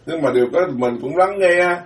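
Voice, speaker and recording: A man, a Buddhist monk giving a dharma talk in a blunt, plain-spoken way, alternating quick asides with slow, weighty phrases. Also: fairly high pitch. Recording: roomy, distant mic.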